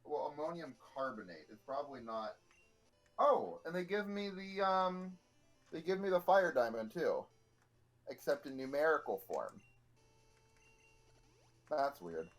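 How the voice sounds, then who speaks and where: A man's voice: a little high, expressive, a little slow, long pauses, faint music behind, rough recording. A man on a voice chat with a friend, chatting casually and explaining things while he works.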